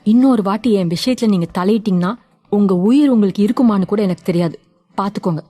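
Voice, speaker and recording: A woman voicing a defiant young daughter in a story, with a sharp, scolding way of talking. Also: mid-range voice, fast, no room sound, close to an everyday voice. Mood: furious. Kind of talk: audio drama reading.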